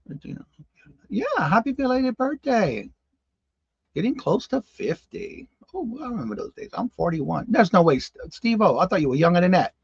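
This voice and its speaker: Lively, husky-voiced man hosting a morning show. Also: sits high, normal speed, no room sound, muffled recording. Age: 50s. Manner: chatty, exclaims in disbelief, talks to viewers by name. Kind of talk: casual live-stream chat reading comments.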